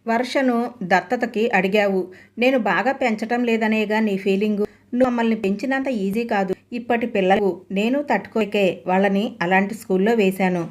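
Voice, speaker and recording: A woman reading an audiobook story, voicing a busy grown daughter who answers her mother defensively and briskly. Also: medium pitch, darkish tone, close to an everyday voice.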